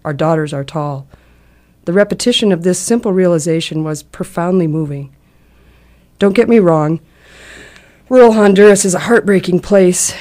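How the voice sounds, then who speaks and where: Mellow, low-voiced woman narrating for public radio. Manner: measured, reflective public radio storyteller delivery. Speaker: essayist reading a personal travel account.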